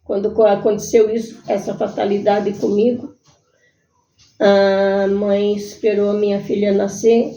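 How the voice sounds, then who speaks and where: A woman telling her own life story in a halting, earnest way. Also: medium pitch, flat delivery, mellow. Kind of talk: personal storytelling. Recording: echoey room, muffled sound.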